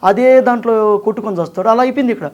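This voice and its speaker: A man from Andhra Pradesh with a high-pitched voice, speaking as a guest in an interview. He talks earnestly and emphatically about his work as a mimicry artist and actor. His delivery is heartfelt and insistent. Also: a little mellow, dull audio. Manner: earnest, emphatic, sings in a slow drawn-out voice. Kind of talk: interview conversation.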